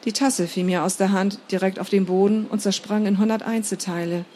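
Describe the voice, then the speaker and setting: A woman narrating a first-person story in a measured, steady reading voice. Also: medium pitch, slight background noise.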